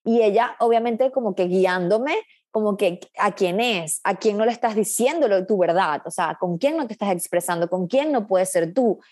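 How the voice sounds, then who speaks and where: A woman's voice: medium pitch, moderate pace, a little mellow. A woman coach, a guest in a casual interview, talking in an earnest, reflective way with frequent restarts.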